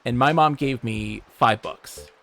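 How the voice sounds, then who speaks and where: A man from Michigan, livestreaming, who tells animated, swear-laced stories and reads chat aloud. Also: medium pitch, unhurried, creaky, faint music behind. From Michigan, USA. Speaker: streamer. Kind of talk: casual storytelling while livestreaming a game.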